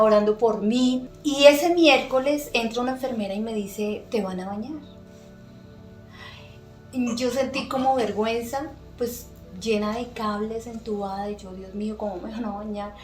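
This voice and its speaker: Middle-aged woman telling an emotional testimony. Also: fairly high pitch. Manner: earnest, emotional storytelling with many pauses and fillers. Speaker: podcast guest. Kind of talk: personal faith testimony. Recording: echoey room with faint music.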